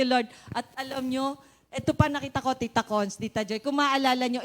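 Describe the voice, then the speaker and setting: A woman giving a spoken testimony in church, earnest and polite as she addresses the congregation as brothers and sisters. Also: high voice.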